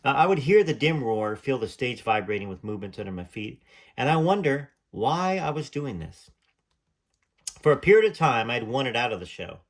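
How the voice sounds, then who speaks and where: With a mid-range, sing-song voice at a moderate pace, a channel host reads aloud from a memoir. He keeps an earnest tone but breaks now and then for chatty, faltering asides.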